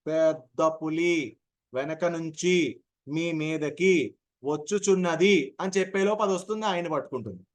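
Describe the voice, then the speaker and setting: A man teaching public speaking in an online session, explaining deliberately, mixing in English terms and acting out short examples, heard over a video call. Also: a little high. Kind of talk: online speech-skills lesson.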